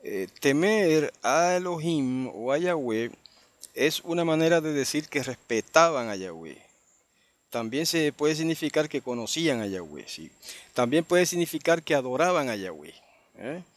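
Slow, deliberate male Bible teacher. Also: a little high, big pitch swings, no room sound. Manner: unhurried, explanatory, with frequent tag questions.

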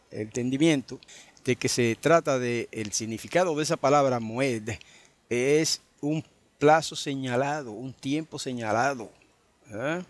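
A man, teaching an informal Bible study and stopping often to check in with his listeners. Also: mid-range voice. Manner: conversational, full of tag questions and fillers.

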